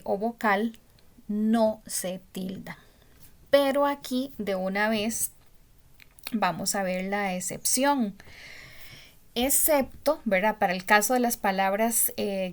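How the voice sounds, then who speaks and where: A woman gives a spelling lesson at an unhurried pace. She pauses often, fills the gaps with soft fillers and keeps checking that her listeners follow. Her pitch sits in an ordinary middle range. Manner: slow, patient, many pauses and fillers; asks "¿verdad?" to check understanding. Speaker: teacher.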